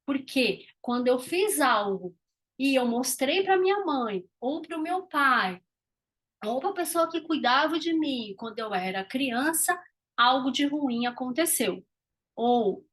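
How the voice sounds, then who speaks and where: Woman, communication mentor, motivational teaching talk, high voice, breathy. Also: a bit bright. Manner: earnest, explanatory, asks the listener questions.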